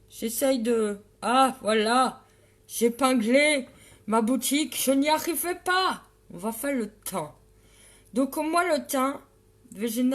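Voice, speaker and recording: A woman hosting a live makeup tutorial in a playful, teasing way, greeting viewers by name and hamming it up loudly. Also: on the high side. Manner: loud and exaggerated, hamming it up.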